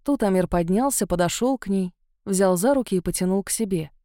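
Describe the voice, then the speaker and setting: Mellow woman narrating an audiobook. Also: medium pitch, a little fast, dry recording, studio quality. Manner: expressive storytelling.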